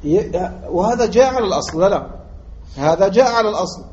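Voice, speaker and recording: In this muffled, lo-fi classroom recording with faint noise behind it, a sheikh from Algeria explains a grammar text on Arabic morphology. He speaks in a high, expressive, darkish voice, repeatedly putting rhetorical questions to his students and hammering the main points home.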